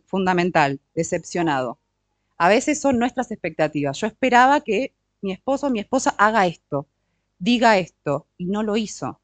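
A middle-aged woman teaching a workshop on marriage and emotions, often checking in with her listeners with short questions and slowing down on key words. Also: fairly low pitch, no echo. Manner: slows down to stress key words. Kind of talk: teaching talk with audience interaction.

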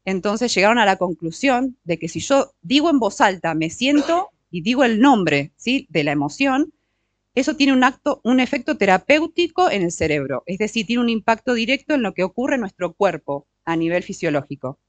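A middle-aged woman teaching a workshop on marriage and emotions, often checking in with her listeners with short questions and slowing down on key words. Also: mid-range voice, very animated, no room sound. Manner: slows down to stress key words. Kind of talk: teaching talk with audience interaction.

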